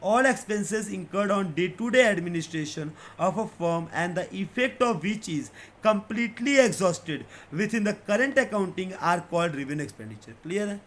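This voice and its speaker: A male commerce teacher giving an exam-prep accounts lesson. He reads English definitions out slowly, then explains them quickly in Hindi, calling his students beta and sir. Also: sits high, expressive, fairly bright tone.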